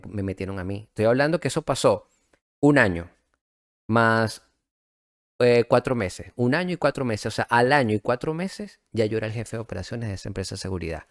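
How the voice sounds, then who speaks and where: A middle-aged Venezuelan-accented man tells his story as a guest in a casual interview, relaxed and reflective, with plenty of fillers and restarts. His voice is fairly low and gravelly, and the recording is dry and studio quality.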